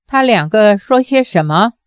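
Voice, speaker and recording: A woman's voice: medium pitch, lively intonation, a little slow, clear, resonant tone, dry recording, natural voice. A woman voicing a fierce, embittered older mother who talks sternly and commands.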